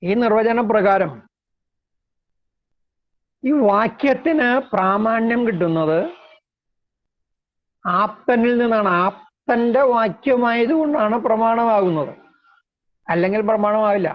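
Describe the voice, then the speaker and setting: A man lecturing on philosophy in a slow, measured way, explaining terms step by step. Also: high-pitched. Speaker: lecturer on Indian logic. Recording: dull lo-fi recording.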